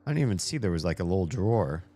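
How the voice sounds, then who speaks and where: In a warm, low-pitched, sing-song voice, a streamer fires off rapid commentary during a casual let's-play. He rambles and thinks aloud, swearing and laughing between moves, and his slightly worn voice suggests he's losing it a little.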